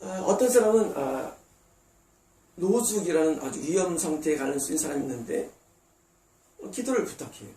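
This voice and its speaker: A man's voice: a little high, big pitch swings, normal speed, pauses often, mellow. A man preaching a sermon as pastor, emphatic, acting out God and congregants in short quoted asides. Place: church sanctuary. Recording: roomy distant church recording.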